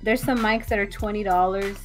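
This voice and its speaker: A woman voice actor chatting casually on a podcast, talking quickly and laughing, often restarting her sentences. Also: mid-range voice, steady tone, over music.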